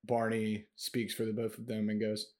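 A man's voice: lowish voice, completely flat delivery, normal speed, darkish tone. A man narrating as game master in a loose, laughing storytelling manner.

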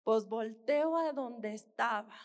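Woman preacher, high-pitched, deliberate pace, sincere testimony that keeps calling out to the brothers. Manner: earnest storytelling, repeatedly addressing listeners as brothers. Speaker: missionary dentist. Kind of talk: testimony sermon to a congregation.

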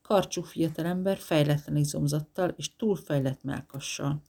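A man reading a novel aloud as an audiobook narrator, measured and even. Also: on the high side, gravelly, background noise. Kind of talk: scripted narration.

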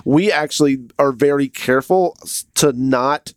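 A man's voice: medium pitch, normal speed, smooth, dry recording, clean studio sound. A man being interviewed as a food entrepreneur, talking casually, restarting sentences and thinking aloud.

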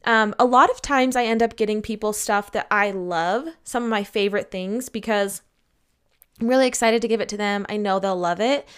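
A woman's voice: medium pitch, normal speed, fairly bright tone, clean tone. A woman talking casually and candidly in an upbeat advice vlog, emphatic and chatty, laying out her points in an organized way. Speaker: advice vlogger.

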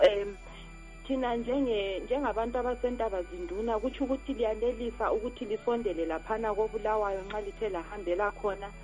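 A woman's voice: medium pitch, darkish tone, low-quality recording. A woman with a Zimbabwean accent answering listeners' questions as a radio guest, explaining details step by step. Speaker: radio guest, organisation representative.

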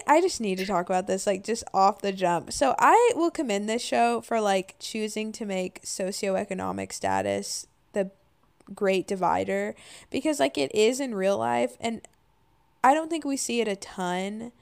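A woman in her twenties talks casually as a podcast co-host. Her voice is heavily creaky with vocal fry and sounds a little tired. Her phrasing is informal and full of "like.". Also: medium pitch, expressive, moderate pace. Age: 20s. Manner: informal, frequent "like" as filler. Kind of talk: casual chat and commentary.

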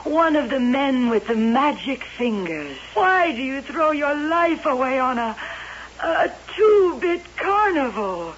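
Solemn, slow-spoken mystical princess. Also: female voice, high voice, sing-song, exaggerated voice. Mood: urging. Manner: solemn, portentous, deliberate. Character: mystical wax fortune-teller princess come alive, commanding, seductive. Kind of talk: old-time radio drama acting. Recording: hissy, muffled old radio recording.

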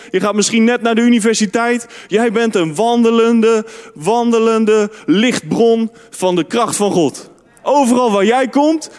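A man preaching a fervent sermon to a youth congregation in a church hall, often calling out amen and hallelujah. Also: high-pitched. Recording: long hall reverb.

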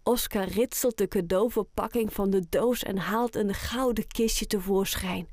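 Slow, gentle woman narrating a kids' story. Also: medium pitch, steady tone, no echo, clean studio sound. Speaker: audiobook narrator. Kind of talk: scripted children's story narration.

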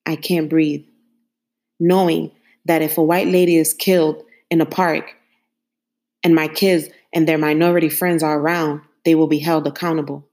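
A woman host in her thirties delivering a solemn spoken-word monologue, measured and grave, built around a repeated refrain. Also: low voice, level tone, darkish tone. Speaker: podcast host.

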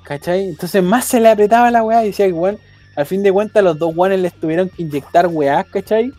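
A man's voice: high voice, fairly quick, dark tone, no echo, soft background music. A young man with a Chilean accent telling a rambling, slang-filled anecdote in casual chat. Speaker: storyteller.

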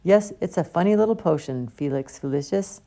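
A woman's voice: on the low side, lively intonation, brisk, vocal fry, mellow. A woman voicing a genial, pompous older male potions teacher who talks theatrically.

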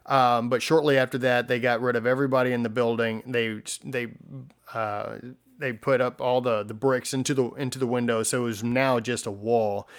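A man co-hosting a history podcast, telling the story in an animated way with many fillers. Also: medium pitch, moderate pace, clear, resonant tone. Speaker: podcast co-host. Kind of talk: casual history podcast chat.

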